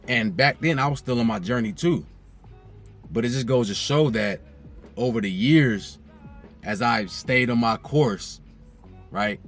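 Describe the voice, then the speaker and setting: A young vlogger talks casually straight to camera, laid-back and conversational, repeating phrases for emphasis. His medium-pitched voice is a little slow with frequent pauses, and faint music plays behind him.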